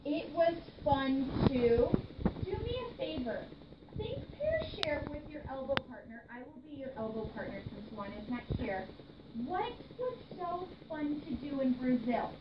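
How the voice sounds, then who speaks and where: A woman's voice: high voice, very animated, normal speed, highs cut off. A woman teaching young students in a classroom, patient and encouraging, prompting them with questions. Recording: echoey classroom from far off, noisy.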